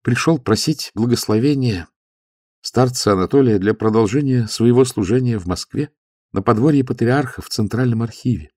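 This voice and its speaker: A man's voice: medium pitch, normal speed, warm tone, no room sound, clean studio sound, pitched above the performer's own voice, natural voice. A man voicing a meek, newly ordained young priest who speaks earnestly. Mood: shy. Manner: earnest, shy.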